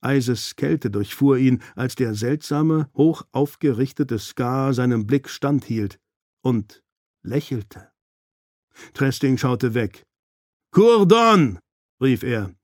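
A man reading a novel aloud in a measured, dramatic storytelling manner. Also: mid-range voice, dark tone, dry recording, studio quality. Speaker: audiobook narrator. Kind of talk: scripted narration of a novel.

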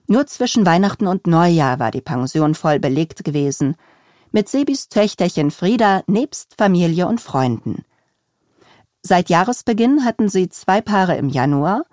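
Woman, audiobook narrator, calm even storytelling, lowish voice, dry close recording. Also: no room sound. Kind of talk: scripted narration.

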